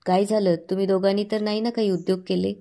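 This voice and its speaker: A woman's voice: medium pitch, level tone, quick pace, mellow, lightly acted. A woman voicing a concerned young woman of the household asking questions.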